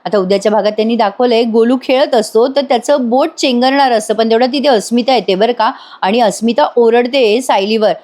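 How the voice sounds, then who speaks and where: A woman's voice: fairly high pitch, fairly quick, hardly any pauses, darkish tone. Chatty woman recapping a serial. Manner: chatty, addresses viewers directly. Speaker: TV serial reviewer.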